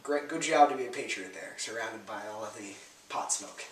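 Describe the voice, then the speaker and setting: A man's voice: on the low side, a little fast, fairly bright tone. A young man co-hosting a casual podcast, bantering and joking as he wraps up the show. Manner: jokey, rambling sign-off banter. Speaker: podcast co-host. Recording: echoey room, mic at a distance, faint noise.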